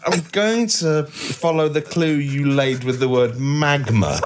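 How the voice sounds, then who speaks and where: A man co-hosting a comedy podcast, firing off quick quips and bursting into loud laughter. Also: on the high side, expressive. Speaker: podcast co-host. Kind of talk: casual comedy podcast banter. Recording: noisy recording.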